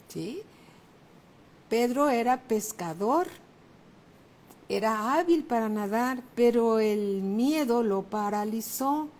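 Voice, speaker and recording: A middle-aged woman pastor, preaching a sermon in a slow, emphatic way. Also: medium pitch, a little mellow, slight background noise. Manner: slow, emphatic preaching, raising her voice for exclamations.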